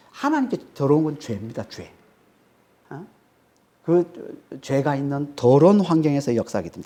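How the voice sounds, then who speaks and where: Her voice is fairly low and darkish in tone. Delivering an expository sermon, she speaks emphatically, repeats key phrases and often adds "eh?" to prompt her listeners.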